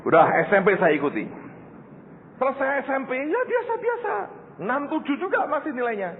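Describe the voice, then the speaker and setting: An older male pastor preaches in a high, lively voice that jumps all over its range, joking with the congregation as he goes. The sound comes through a thin, phone-like channel, with long reverb from a large hall and a faint hiss underneath. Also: brisk. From Indonesia. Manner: storytelling, joking, addresses the congregation as "saudara". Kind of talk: sermon.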